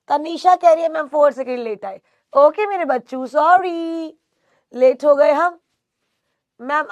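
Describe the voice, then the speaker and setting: High pitched lady teacher joking around with her class, warm and chatty, dry close sound. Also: no echo. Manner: playful, affectionate, mixes in English phrases. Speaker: online teacher talking to her students. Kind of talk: casual chat and storytelling before class.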